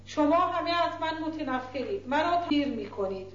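A woman's voice: high voice, expressive, roomy sound, muffled recording. A woman reading as a distraught, defiant young woman. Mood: desperate. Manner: broken, crying out.

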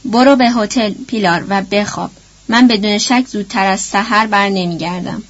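A guarded grown man speaking quietly and firmly in an audiobook, read by a woman. The sound is slightly dull and lo-fi. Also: mid-range voice, lightly acted. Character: calm, guarded grown man, the heroine's companion.

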